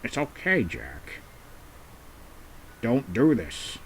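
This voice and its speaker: A man's voice: medium pitch, huge pitch swings, drawn-out words, fairly bright tone, a little hiss or hum, exaggerated voice, low-quality recording. A man voicing a cheerful, trusting young male penguin in a homemade puppet drama, eager and reassuring with many fillers.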